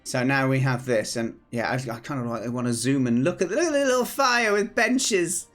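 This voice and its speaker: A British man in his thirties, a game developer, hosts a casual devlog stream at a desk mic in his home office, with soft music in the background. Slightly hoarse, he chats and rambles with restarts. His medium-pitched voice is animated and fairly bright, at a normal speed.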